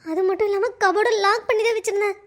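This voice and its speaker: A woman voicing a gentle, trusting young daughter-in-law in a cartoon, pleading and tearful. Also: very high-pitched, fairly even intonation, fast talker. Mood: distressed. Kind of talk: cartoon voice acting.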